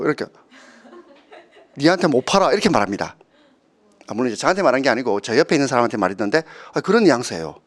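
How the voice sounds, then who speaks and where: A middle-aged man teaches an exam-prep history class. His voice is mid-pitched and swings up and down with lively intonation as he checks in with the class through quick tag questions and sometimes acts out an anecdote. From Gyeongsang region of Korea. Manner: keeps asking students to confirm with short tag questions; tells anecdotes and acts out quoted speakers. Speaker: history lecturer.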